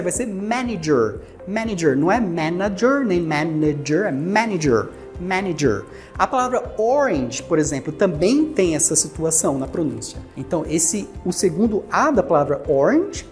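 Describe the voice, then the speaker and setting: Brazilian woman teacher with lively pitch. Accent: Brazilian Portuguese. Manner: patient explainer, repeats words slowly for pronunciation drills. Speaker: English teacher. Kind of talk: recorded language lesson.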